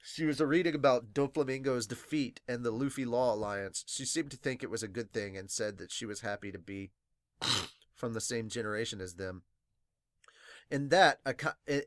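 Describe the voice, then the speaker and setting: A podcast host reviewing manga reads viewer comments aloud in a casual, excitable fan-reaction style, swearing freely. His mid-pitched voice is congested and slightly sniffly, as if from crying. The recording is close and dry, with very little room sound.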